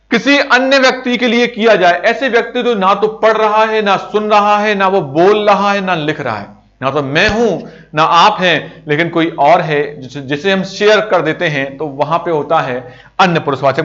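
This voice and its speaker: A man's voice: high voice, fairly bright tone. A man teaching a grammar lesson, explaining each term step by step with repeated examples. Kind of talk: grammar lesson over slides. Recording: dull lo-fi recording.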